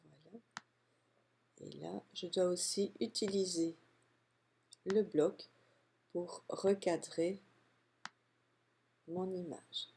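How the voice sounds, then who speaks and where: A woman calmly walking through a software tutorial step by step, narrating her clicks. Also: lowish voice, slight background noise. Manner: calm step-by-step explaining, unhurried. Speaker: software instructor. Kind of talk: screen-recorded software tutorial.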